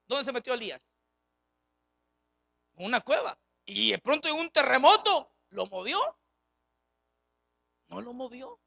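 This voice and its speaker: Gravelly, impassioned preacher. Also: high-pitched, sharp tone, dry recording. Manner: impassioned, acts out biblical dialogue; questions the congregation directly. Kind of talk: sermon. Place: church service, streamed live.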